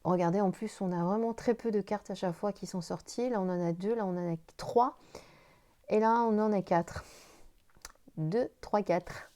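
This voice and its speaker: A tired woman talks through a tarot reading to camera at an easy pace. She sounds gentle and reassuring, now and then stumbling over her words and restarting. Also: mid-range voice, normal speed. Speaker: tarot card reader.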